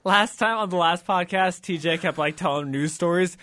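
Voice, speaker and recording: A man co-hosting a casual podcast chat, defensive and excitable, talking about himself. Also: high-pitched, normal speed, no echo, studio quality. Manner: self-deprecating, defensive, excitable. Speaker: podcast co-host.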